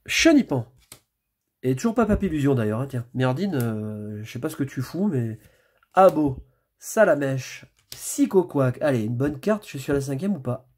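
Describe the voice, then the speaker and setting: Husky guy opening card packs, mumbling card names, chatty and loose. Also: mid-range voice, expressive, moderate pace, a little mellow. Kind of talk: casual pack-opening commentary.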